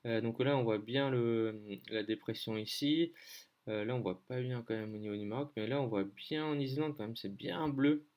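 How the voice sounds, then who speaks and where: A man's voice: medium pitch, moderate pace, darkish tone. A man from France giving a casual screen-share lesson on weather maps, hesitant, with many fillers as he thinks aloud. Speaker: weather-map tutor.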